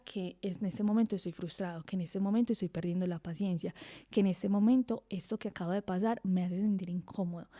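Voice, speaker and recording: A young woman talks through parenting advice on her podcast. Her voice is mellow and warm, with a middle pitch, and she often checks in with her listeners in a relaxed, conversational way. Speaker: podcast host, psychologist. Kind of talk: informal talk on parenting.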